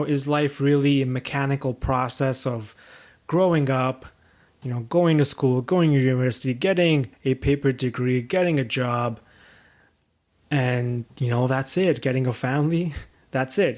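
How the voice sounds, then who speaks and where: A young man from Pakistan speaks in an earnest, searching way on his own podcast. His voice sits at an ordinary middle pitch, and he pauses often with fillers as he reflects on his path. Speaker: podcast host. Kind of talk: reflective solo podcast monologue.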